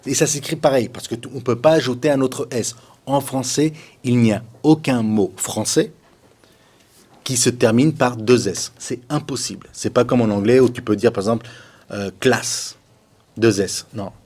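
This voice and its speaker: A man teaching French colors, repeating each word slowly for pronunciation and adding chatty, shrugging asides about the rules. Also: mid-range voice, a little mellow. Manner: repeats words for pronunciation drills, patient. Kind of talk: slow, deliberate language lesson.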